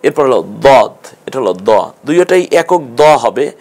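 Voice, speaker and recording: A middle-aged man teaching an online Quran class, slowly drawing out Arabic letter sounds for learners to repeat. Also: medium pitch, very animated, a little mellow.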